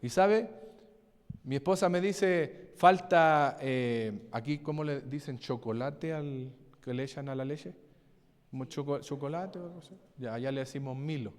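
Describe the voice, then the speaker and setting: A man's voice: mid-range voice, measured pace. A man, a pastor preaching a sermon and telling a personal testimony, often asking the congregation questions. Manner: storytelling, asks the congregation questions. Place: church hall. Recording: long hall reverb.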